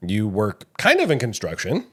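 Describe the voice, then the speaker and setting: A middle-aged man co-hosting a casual podcast, talking in an animated way and often restarting his sentences. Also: on the low side, normal speed, husky. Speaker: podcast co-host. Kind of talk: casual chat.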